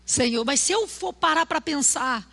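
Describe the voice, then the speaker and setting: Brazilian lady pastor preaching, kinda high voice, acts out the stories, gets shouty. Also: animated, normal speed, vocal fry. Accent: Brazilian Portuguese. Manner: storytelling, acting out quotes, swings to shouting. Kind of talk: sermon. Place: church service.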